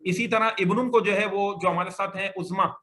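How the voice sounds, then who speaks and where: A man's voice: high voice, fairly even intonation, moderate pace, fairly bright tone. A male Arabic teacher leading a classroom grammar lesson, drilling students with questions and having them repeat answers back.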